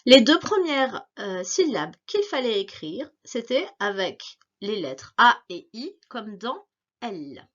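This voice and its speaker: A woman teacher giving a spelling dictation to young pupils, articulating slowly and repeating each word. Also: a little high, sing-song, a bit bright, muffled recording.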